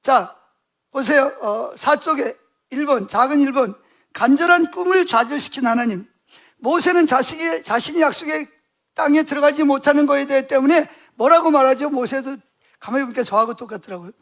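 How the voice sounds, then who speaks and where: Very high-voiced Korean male pastor. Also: moderate pace, fairly bright tone. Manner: storytelling, constant rhetorical questions to the congregation. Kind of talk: sermon.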